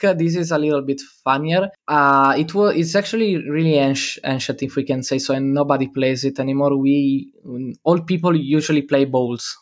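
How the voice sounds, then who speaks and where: Italian-accented teen male, guest, casual and halting, muffled mic. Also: medium pitch. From Italy. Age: teens. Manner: halting, many fillers, self-corrections. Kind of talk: casual explanation. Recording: dull lo-fi recording.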